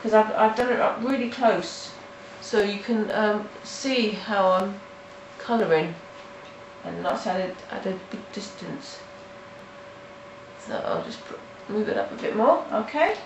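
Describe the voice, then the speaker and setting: This tutorial host has a gravelly, mid-range voice made nasal by hay fever. She walks through coloring steps casually from her countryside home, halting, restarting and using fillers, captured by a distant mic in a roomy room with faint noise.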